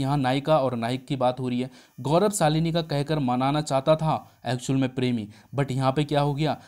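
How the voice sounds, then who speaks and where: Man, exam tutor, casual explaining, chatty asides, mid-pitched voice. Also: a little mellow. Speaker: exam prep teacher. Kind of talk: casual spoken lesson.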